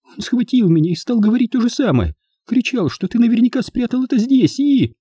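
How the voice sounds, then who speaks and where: A frightened young woman pleads in a raised, high-strung voice, her husky tone swooping through a wide range, as a man puts her on. It sounds like a dry, close audiobook read. The voice is mellow and breathy under the strain. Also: huge pitch swings, a little fast, dry recording, full character voice. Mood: tearful. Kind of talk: audiobook character voice.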